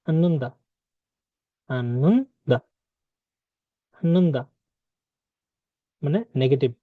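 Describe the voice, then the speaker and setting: A man's voice: medium pitch, no echo. Man drilling words in a dry, dull recording. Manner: repeats words slowly, drilling pronunciation. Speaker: language teacher. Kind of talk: spoken lesson.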